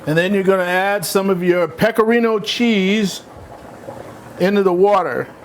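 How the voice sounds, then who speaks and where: A man's voice: sits high, measured pace, slight background noise. A man hosting his own cooking show, walking through a recipe step by step with playful, jokey asides. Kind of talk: casual cooking demonstration.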